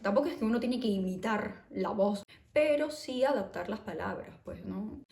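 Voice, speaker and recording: A woman's voice: mid-range voice, normal speed, vocal fry, a little mellow, echoey room. A woman from Peru with a Peruvian Spanish accent, talking in a casual, reflective personal vlog and often adding "¿no?" to her phrases. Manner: chatty, reflective, tags phrases with "¿no?". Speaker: vlogger.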